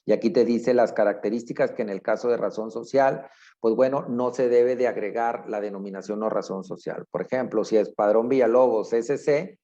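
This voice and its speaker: A man with a Mexican accent leads a screen-share tutorial, patient and methodical as he works through each step. His pitch sits in an ordinary middle range, and he keeps checking in with a quick tag question. The recording is a bit dull and lo-fi. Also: dark tone. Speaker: public accountant.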